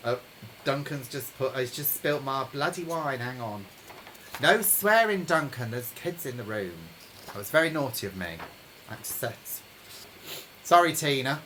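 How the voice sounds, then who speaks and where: A man hosting a live-streamed pub quiz from home, chatting with viewers and reading each question slowly, then repeating it. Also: mid-range voice, animated, bright, forceful tone, slight background noise, poor audio. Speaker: quiz host. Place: home during lockdown.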